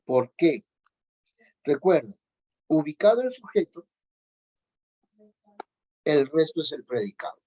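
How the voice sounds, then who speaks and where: Teacher lecturing on grammar, middle-pitched, insistent repetition, muffled lo-fi audio. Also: big pitch swings, slow, pauses often, warm tone. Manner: repeats key points for emphasis; checks in with students. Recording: dull lo-fi recording.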